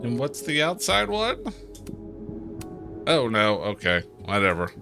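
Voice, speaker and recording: A man's voice: mid-range voice, sing-song, takes it slowly, gravelly, over music. A man streaming a game, chatting casually, reading in-game posts aloud, playful and stumbling over words. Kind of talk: casual let's-play commentary.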